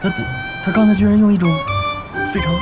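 A man's voice: high-pitched, fairly even intonation, a little fast, loud music behind the voice, natural voice. An actor playing an aggrieved young husband who complains about his wife in a TV drama.

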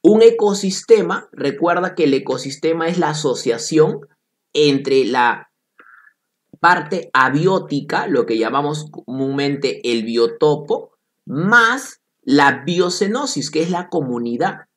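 A male biology teacher with a Peruvian Spanish accent leads a lively exam-prep class, repeating key points and calling students by name. His voice sits a bit higher than most men's, and he keeps the tone playful and direct. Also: slow pace.

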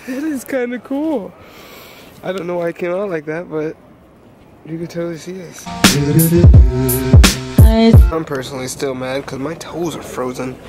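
A man's voice: fairly high pitch, measured pace, pauses often, over music. A young man from California chatting casually in a travel vlog, laid-back and joking, filmed on a handheld camera. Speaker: vlogger's partner. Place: outdoors in snow and indoors in a restaurant and subway.

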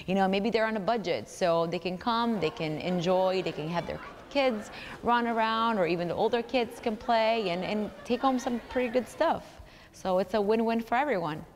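A woman's voice: mid-range voice, normal speed. A woman in her thirties giving an enthusiastic, informal on-camera interview. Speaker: event organizer interviewee. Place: large tiled indoor hall. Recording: echoey hall, long reverb.

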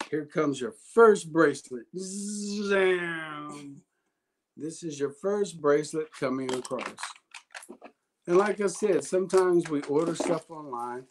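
Brief: man, somewhat high voice, sleepy, joking live seller, punchy item callouts, faint noise behind. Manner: jokey, self-deprecating, announces items with exclamations. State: sleepy, yawning. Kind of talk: casual live sales pitch.

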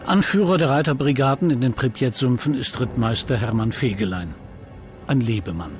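A man narrates a documentary from a script in a voice of middle pitch. Music plays clearly behind his narration. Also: moderate pace.

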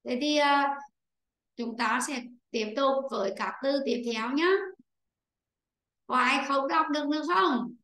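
A woman teaching English pronunciation in an online class, explaining slowly and repeating key points for her students. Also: high voice, a bit bright, echoey room, poor audio. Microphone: computer microphone on a video call.

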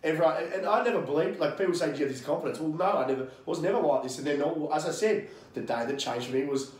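Recorded in an echoey indoor gym for a podcast interview, the guest is a thirties-aged Australian strength coach who is brash, fired-up and swears freely. His voice is a little high with a darkish tone, and he talks fast.

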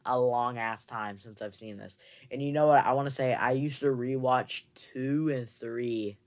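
With a steady tone and measured pace, a young man's medium-pitched voice carries a rambling, filler-heavy haul video. He's a movie collector seated facing his camera mic in a room at home stocked with shelves of movies.

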